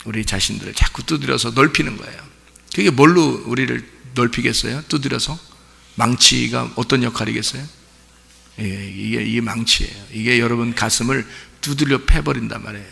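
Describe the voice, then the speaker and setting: A male pastor with a creaky, mid-range, fairly bright voice preaches a conversational Sunday sermon in a church sanctuary. He frequently directs rhetorical questions at his congregation. Long church reverb is audible in the recording.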